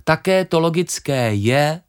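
A reader voicing a small, patient, wise grain of wheat in a children's story, talking calmly and reasoning gently. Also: medium pitch, clear, resonant tone, voice pushed up, lightly acted. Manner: calm, reasoning, gently coaxing.

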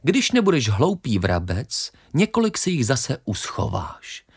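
A reader voicing a small, patient, wise grain of wheat in a children's story, talking calmly and reasoning gently. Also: mid-range voice, husky, full character voice. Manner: calm, reasoning, gently coaxing.

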